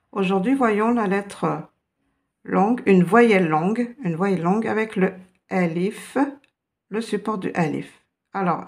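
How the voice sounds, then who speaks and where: A woman's voice: medium pitch, a little mellow. A woman teaching a beginner language lesson, explaining patiently step by step. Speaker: Arabic teacher.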